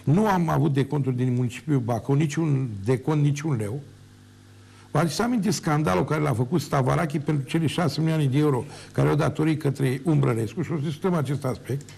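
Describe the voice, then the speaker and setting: A man's voice: fairly high pitch, creaky, a little mellow, slightly rough. An older man, a former mayor, ranting emphatically on his own TV show, repeating words for force. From Romania. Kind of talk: heated televised monologue.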